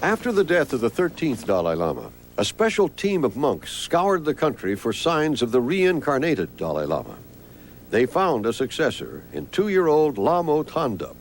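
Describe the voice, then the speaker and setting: A man's voice: fairly high pitch, huge pitch swings, moderate pace, a little hiss or hum. A man reading scripted documentary narration as the film's narrator. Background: music.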